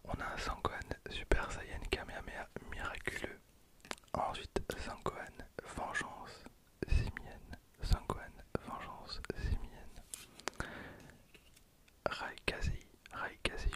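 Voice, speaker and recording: This is a twenty-something ASMR creator who whispers breathily and quietly, chatting about card packs and gently saying phrases over again. They speak slowly.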